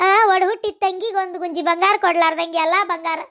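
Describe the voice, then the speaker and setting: A woman voicing a whining, greedy younger sister who wails her complaints in a drawn-out sing-song, with a North Karnataka accent. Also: extremely high pitch. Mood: wailing. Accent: North Karnataka Kannada.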